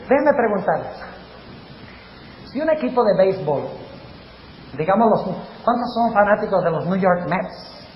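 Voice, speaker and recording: A male pastor preaching an animated sermon and asking the congregation questions. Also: very high-pitched, muffled recording. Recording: echoey hall with faint noise.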